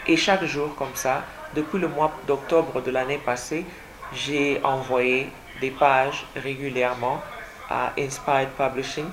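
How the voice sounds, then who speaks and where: Against a noisy background, a woman with a deep bass voice speaks in a steady tone at a measured pace. Born in Congo with French as her first language, she is a guest author answering radio interview questions, hesitantly, with many fillers and repeated words.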